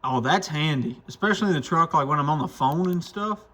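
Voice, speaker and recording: A radio shop reviewer and video host talks briskly and expressively in a voice on the high side, bright and forceful in tone. He's doing an informal hands-on product demo, thinking aloud as he tinkers.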